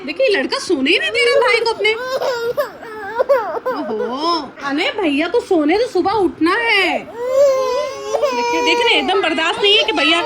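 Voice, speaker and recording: A woman in her thirties chatting casually to camera as a family vlogger, talking to her viewers as friends. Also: extremely high pitch. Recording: loud background noise.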